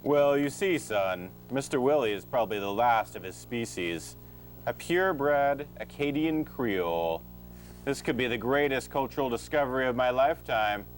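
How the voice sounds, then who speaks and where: A man playing a smooth-talking, unethical professor with a pompous, falsely genial manner in an amateur comedy audio drama. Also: mid-range voice, lively intonation, moderate pace, slight background noise, natural voice, low-quality recording. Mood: self-satisfied.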